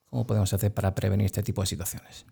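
A man hosting an interview, asking questions in a measured, reflective way. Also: lowish voice, flat delivery, vocal fry, warm tone, slightly rough. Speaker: interviewer host.

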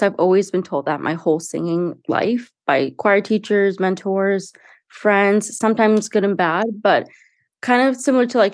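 A young adult woman from the United States, a singer-songwriter, talks earnestly and casually about her music in an interview, with frequent fillers and restarts. Her voice is on the low side, recorded in studio quality with no room sound.

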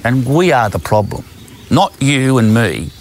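Down-to-earth dog trainer. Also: male voice, medium pitch, big pitch swings, a little slow, noisy background. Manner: down-to-earth, storytelling with acted-out quotes. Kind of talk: explaining while demonstrating. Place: outdoors at dog kennels.

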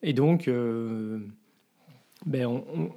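Hesitant, dark-voiced male podcast co-host. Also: mid-range voice, very slow. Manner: hesitant, many filler sounds. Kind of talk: casual news commentary.

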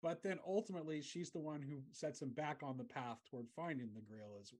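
A man's voice: fairly high pitch, brisk, a little mellow. A man in a casual conversation, talking in a reflective way and eager to connect ideas.

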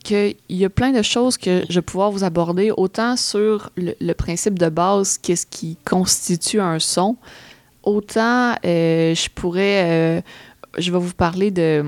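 A woman's voice: fairly low pitch, unhurried, dry recording. A woman with a Québécois French accent explaining facts in a casual chat, hesitant, with many fillers.

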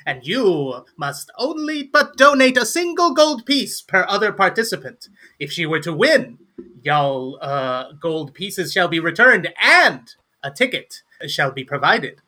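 A man's voice: sits high, big pitch swings, unhurried, sharp tone, pitched above the performer's own voice, heavily acted. A man voicing a pompous gnome barkeep who sells his drinks in grand, old-fashioned phrases. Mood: grandiose. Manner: archaic, theatrical, grandiose. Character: pompous male gnome barkeep, showy salesman.

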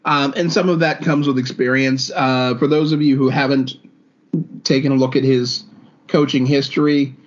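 A man's voice: medium pitch, fairly even intonation, normal speed. A man with a mid-range voice co-hosts a casual sports podcast. He reels off stats and records, padding them with ums and uhs. The audio sounds somewhat dull and lo-fi. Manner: reels off stats with many fillers. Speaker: podcast co-host.

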